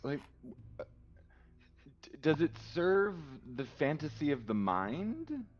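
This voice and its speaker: A man's voice: fairly high pitch, wildly swooping pitch, takes it slowly, muffled recording. A man playing in a tabletop game, talking in a casual, hesitant way with restarts. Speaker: player.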